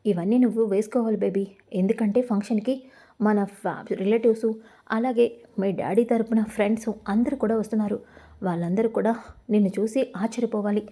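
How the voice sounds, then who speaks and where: A woman's voice: mid-range voice, steady tone, brisk, dark tone, close to an everyday voice. Lady reading snooty rich mom, looks down on people. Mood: haughty. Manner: condescending, showy. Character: rich haughty mother, condescending.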